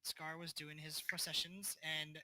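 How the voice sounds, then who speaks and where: A man's voice: on the high side, little pitch movement, measured pace, very noisy. A man acting as game master, recapping a tabletop session in a rambling way with many fillers. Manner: rambling, with frequent fillers and restarts.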